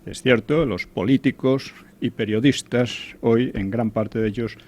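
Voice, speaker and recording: Older male commentator, halting delivery, mid-pitched voice. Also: darkish tone, slight background noise. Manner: hesitant, with frequent restarts and tag questions. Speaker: historian guest commentator. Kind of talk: conversational radio commentary.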